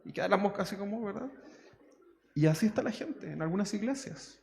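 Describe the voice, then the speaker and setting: A man's voice: high voice, expressive, fairly quick, vocal fry, darkish tone, slight background noise. A man preaching a conversational sermon, always adding tag questions to his congregation. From Chile. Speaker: pastor. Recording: long church hall reverb.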